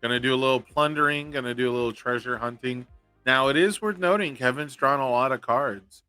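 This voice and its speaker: A man giving live, analytical commentary on a card game tournament, thinking through each possible play out loud. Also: mid-range voice, fairly quick, clear, resonant tone, no echo, faint music behind.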